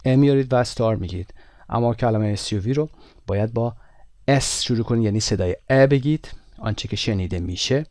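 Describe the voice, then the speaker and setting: A man with a Persian accent teaching an English textbook lesson, reading English examples slowly and clearly between explanations. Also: medium pitch, darkish tone, no echo, studio quality.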